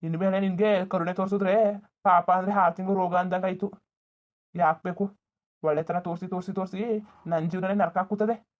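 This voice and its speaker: A furious young village man, voiced by a voice actor in a cartoon, scolding his family with bitter, shouted words. The audio is thin and tinny, like a phone line. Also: mid-range voice, steady tone, fairly quick, close to an everyday voice. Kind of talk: Kannada village cartoon dub.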